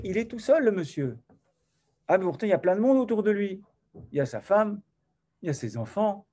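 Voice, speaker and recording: Animated preacher, mellow voice. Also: male voice, sits high. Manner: animated, swinging from loud to soft, acting out dialogue. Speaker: rabbi teaching a class. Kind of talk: animated sermon to a live class.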